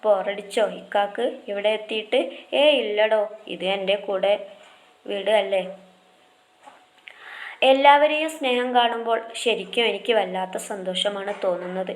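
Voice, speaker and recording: A woman's voice: medium pitch, normal speed, roomy sound, natural voice. A woman voicing a kind, loving young husband, reading a story aloud. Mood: tender. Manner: tender, reassuring.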